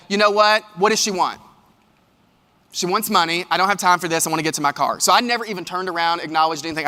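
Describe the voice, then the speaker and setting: A man giving a motivational keynote talk to an audience, animated and quizzing the room with questions. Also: sits high, long reverb tail. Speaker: keynote speaker. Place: large hall with audience.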